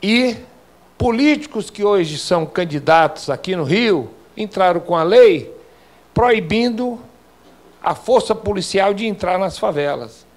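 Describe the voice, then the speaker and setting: An older man with a Brazilian accent speaks to a seated audience in a lecture hall, holding a microphone close. His delivery is slow and weighty, and his voice sits a little higher than most men's. He builds his points with earnest, exhorting emphasis. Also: expressive. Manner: slow, emphatic, civic exhortation with rising intensity. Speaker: club official addressing members. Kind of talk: formal lecture-hall address. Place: indoor lecture hall with projection screen. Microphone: handheld microphone.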